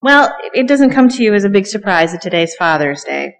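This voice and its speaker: A woman's voice: mid-range voice, big pitch swings, brisk. A middle-aged woman preaching a conversational sermon from the pulpit, chatty and joking, with frequent ums. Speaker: guest preacher. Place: church sanctuary. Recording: long reverb of a church hall.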